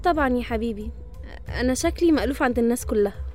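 Brief: woman voicing over-eager experimenter, high and very fast. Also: animated, a little mellow, soft background music, lightly acted. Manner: eager, pleading. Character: eager female mad scientist, pleading.

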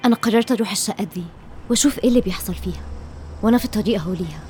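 A woman's voice: medium pitch, very fast, dark tone, a little hiss or hum, lightly acted. An actress playing a determined, persuasive woman doctor in a radio drama, with an Egyptian accent and an assertive manner. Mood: concerned, resolute. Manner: assertive, coaxing. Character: determined, persuasive female doctor investigating a mystery.

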